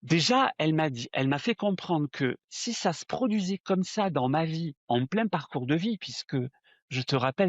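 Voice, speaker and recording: A man in his sixties from the south of France, with a southern French accent, telling his story to an interviewer in a lively, chatty way full of fillers. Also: no room sound. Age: 60s. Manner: animated, addresses the listener with "tu vois", many fillers. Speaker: medium, interview guest. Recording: dull, dry low-fidelity sound.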